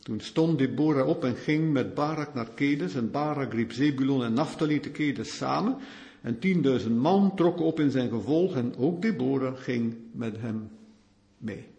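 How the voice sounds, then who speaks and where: A man's voice: medium pitch, moderate pace, gravelly, lo-fi sound. A man preaching an expository sermon, reading verses and asking rhetorical questions. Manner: animated, rhetorical questions, emphatic.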